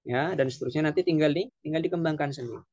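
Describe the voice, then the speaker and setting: Man explaining slowly, dry dull sound. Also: a little high, darkish tone, no echo. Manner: slow, repetitive explaining with frequent "ya". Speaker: Arabic teacher. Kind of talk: classroom lesson.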